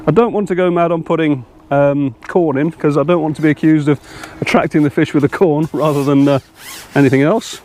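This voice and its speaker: A man's voice: a little high, fairly even intonation, brisk, a little mellow, a little hiss or hum. An older man chatting casually to camera while fishing outdoors, rambling and self-deprecating. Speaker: angling vlogger. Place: outdoors by a fishing lake in strong wind.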